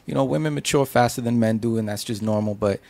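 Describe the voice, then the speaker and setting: A man's voice: medium pitch, fast talker, vocal fry, darkish tone, no room sound. A man co-hosting a casual podcast, lecturing a guest with dating advice. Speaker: podcast co-host.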